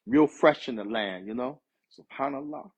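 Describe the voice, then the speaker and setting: In dull audio, a man in his fifties from the US East Coast delivers a conversational sermon, mixing Arabic phrases into street-inflected preaching. His voice is mid-range and his speed normal.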